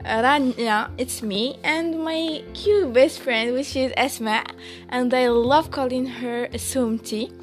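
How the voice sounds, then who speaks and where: Slow, giggly Moroccan teen woman. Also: high voice, faint music behind. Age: late teens. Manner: slow, giggly, many fillers and restarts. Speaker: podcast co-host. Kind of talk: casual chat.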